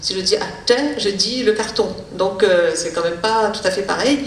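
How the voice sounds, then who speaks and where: Woman lecturing in a roomy hall. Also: mid-range voice. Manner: explanatory, halting delivery with many hesitations. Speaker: lecturer and speech therapist. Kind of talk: public lecture. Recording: roomy hall, distant mic, faint noise.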